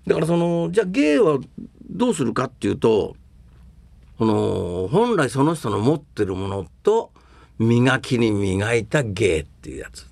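An older man talking casually and at length about comedy and performing arts, rambling and opinionated, with rough colloquial speech. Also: mid-range voice, big pitch swings, a little slow, darkish tone, no echo.

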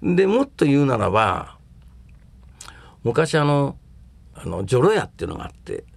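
An older man talking casually and at length about comedy and performing arts, rambling and opinionated, with rough colloquial speech. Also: medium pitch, big pitch swings, moderate pace, no echo.

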